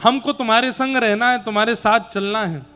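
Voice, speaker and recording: A man's voice: extremely high pitch, steady tone, brisk, sharp tone, clear, resonant tone. A male preacher voicing a tender, childlike deity who pleads affectionately not to be left behind. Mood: pleading.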